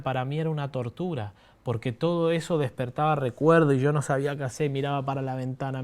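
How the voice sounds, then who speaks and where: An Argentine man in his thirties gives a sermon built on his own testimony. His voice sits at an ordinary middle pitch. He speaks in a loose, conversational way and keeps turning to the congregation with questions. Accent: Argentine Spanish. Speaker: preacher.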